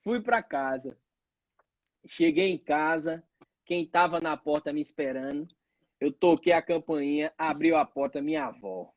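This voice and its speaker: Animated man telling a story. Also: on the high side, measured pace, no echo, muffled recording. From Northeast Brazil. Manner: animated storyteller acting out quoted voices. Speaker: pediatrician guest. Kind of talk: storytelling in an interview.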